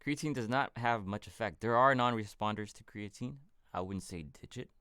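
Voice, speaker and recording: A man from California hosting a casual fitness livestream Q&A, answering viewer questions in a relaxed, rambling way. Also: on the low side, normal speed, smooth, no echo, studio quality. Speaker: fitness channel host.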